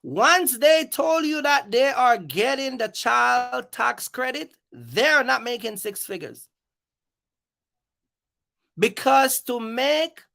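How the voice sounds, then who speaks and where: The voice is medium-pitched, creaky and sharp-toned as a livestream host delivers an improvised rant. Emphatic and confrontational, the host challenges listeners and repeats phrases to drive points home.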